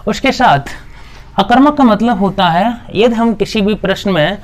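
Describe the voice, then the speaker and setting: A man with a high voice explains grammar in a video lesson. He keeps asking his students a question and then answering it himself. Between points he drops in a quick "okay" to check they are following. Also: a little hiss or hum. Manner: repetitive, asks and answers his own questions. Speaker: Hindi grammar teacher. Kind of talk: classroom-style video lesson.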